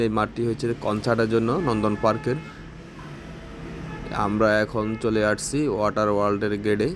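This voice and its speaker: A man, narrating a travel vlog in a plain, steady guiding tone as he walks through an amusement park. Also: lowish voice, a little hiss or hum. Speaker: travel vlogger. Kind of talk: walking tour narration.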